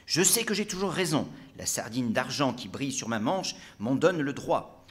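A man's voice: mid-range voice, big pitch swings, normal speed, pitched above the performer's own voice, natural voice. A man reading aloud and playing a pompous, self-important gendarme brigadier who talks in stilted officialese.

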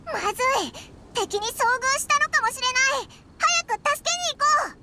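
A woman voicing a small, excitable fairy guide in a video game, talking in loud exclamations. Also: very high-pitched, takes it slowly, very noisy. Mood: alarmed.

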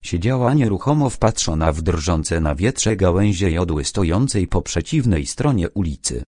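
A man narrating an audiobook in a measured, even reading manner. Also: deep voice, no room sound, clean studio sound.

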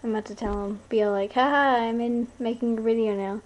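Talking fast in a slightly high, steady voice, this young woman vlogs from her small bedroom. She rambles in a playful, casual way and gets sidetracked easily, and the webcam mic sitting close by captures noisy, low-quality sound.

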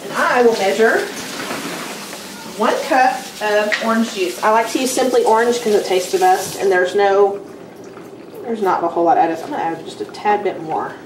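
Recorded from a distant camera in an echoey home kitchen where dishes clatter, a middle-aged woman runs a casual cooking demo. She talks at a normal speed in a mid-range voice, chatty and upbeat, giving loose instructions over the noisy background.

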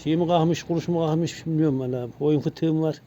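Man, casual vlog chat, soft dark tone, rapid, dull lo-fi outdoor sound. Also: a little high, steady tone. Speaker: vlog host. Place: outdoors in a garden.

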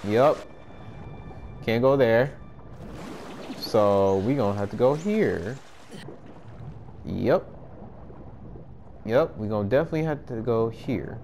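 A man giving casual commentary over a video game, cursing and reacting excitedly, talking into a headset. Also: mid-range voice, slow pace, long pauses, slight background noise. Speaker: gamer.

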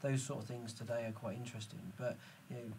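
A man's voice: mid-range voice, steady tone, fast, darkish tone, recorded from a distance, a little hiss or hum. A man hosting a podcast, chatting casually with lots of fillers and restarts. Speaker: podcast host. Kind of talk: casual business chat.

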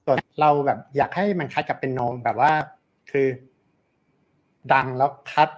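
A man coaching a saxophone student in an online lesson, relaxed and patient, with many fillers. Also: mid-range voice, moderate pace, husky. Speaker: saxophone teacher. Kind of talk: online music masterclass coaching.

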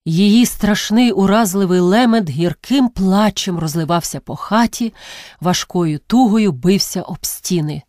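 Woman reading literary prose, measured. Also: medium pitch, no echo, studio quality. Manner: measured, expressive storytelling with drawn-out pauses. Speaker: narrator.

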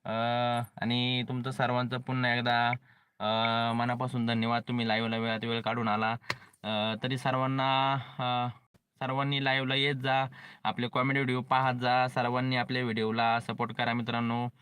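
A man's voice: medium pitch, monotone, moderate pace, a bit bright, clear, resonant tone, no room sound. A man hosting a casual live stream from inside a car, thanking viewers over and over in a friendly, repetitive way.

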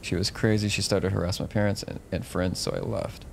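Low, creaky-voiced man streaming a horror game. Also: flat delivery, a little fast. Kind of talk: casual game commentary, reading dialogue choices. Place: small home room, indoors. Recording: faint game noise behind voice.

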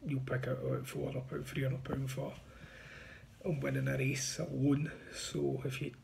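This betting tipster, a man in his thirties, speaks at normal speed in a gravelly, darkish mid-range voice with flat delivery. He chats confidently to camera from a small room, pushing bets, recorded on a phone's front camera at arm's length with a little hiss or hum.

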